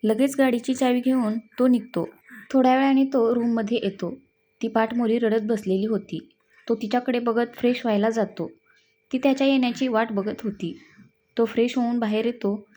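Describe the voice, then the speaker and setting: A woman narrating a drama story aloud in a steady, plain manner. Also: a little high, normal speed.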